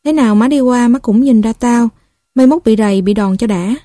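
A cocky young street boy with a Southern Vietnamese accent, as a woman reads him, bossing and bragging in blunt slang. The voice sits a little high and sounds mellow and dry. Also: normal speed, no room sound, natural voice. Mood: bossy. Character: scrappy, boastful young male street kid.

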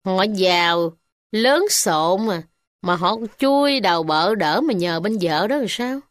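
A fiery poor village wife, as a woman storyteller puts her on scolds in a sharp, raised voice with a Southern Vietnamese accent. Her pitch leaps up as she mocks, and the recording is dry and close with no room sound. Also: lively intonation, slow, no echo. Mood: scolding.

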